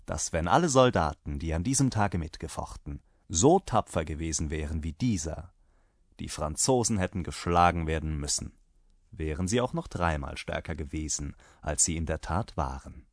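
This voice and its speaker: A man giving a measured, theatrical reading of a classic anecdote. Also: very deep voice, lively intonation, dry recording, studio quality. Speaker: reader.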